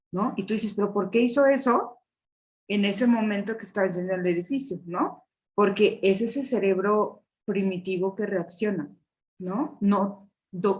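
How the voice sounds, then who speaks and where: A woman's voice: mid-range voice, poor audio. A woman giving a conversational online lecture on leadership, often ending points with a questioning tag and laughing. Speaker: speaker of an online leadership session.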